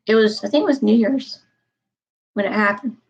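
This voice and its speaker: Speaking at a moderate pace in a mid-range voice, a woman in her twenties chats loosely on a live stream. She meanders, says things more than once and uses "um" often, all captured with lo-fi sound.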